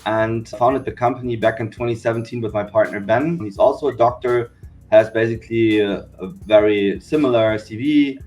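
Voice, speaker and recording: German guy telling how he built his company, even mid voice, faint music underneath. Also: mid-range voice, normal speed. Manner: steady explanatory, repeats "we said okay". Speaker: guest, company founder. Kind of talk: podcast interview.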